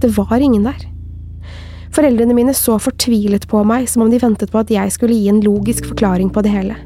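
A woman co-hosting a podcast, reading a listener's horror story aloud in a slow, measured way. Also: a little high, fairly even intonation, warm tone. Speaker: podcast co-host.

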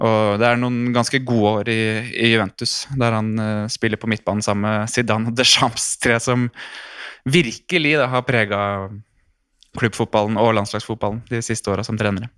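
A man's voice: on the low side, fairly even intonation, fairly bright tone, smooth, no echo, clean studio sound. A man talking casually as a football expert, thoughtful and hesitant, with many fillers. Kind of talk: casual interview talk.

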